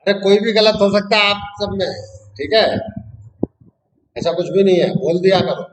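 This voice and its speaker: A middle-aged man walks students through math problems. His voice sits high for a man, and he coaxes and checks on the class, calling them "beta". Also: normal speed, low-quality recording. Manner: coaxing, calls students beta. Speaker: math teacher. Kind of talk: online math lesson.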